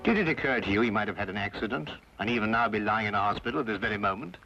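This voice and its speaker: Bright-voiced, earnest Doctor Watson, British. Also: male voice, on the low side, very fast. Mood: reflective narration. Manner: proper, earnest, readily indignant. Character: earnest, loyal male doctor, detective's easily astonished companion. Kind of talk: old-time radio drama acting and narration. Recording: muffled old radio drama recording.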